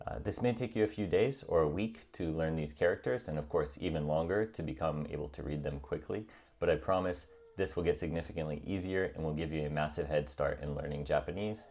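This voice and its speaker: A young man calmly and encouragingly narrating a scripted tutorial on learning a language. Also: very deep voice, a little fast. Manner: calm, encouraging and reassuring.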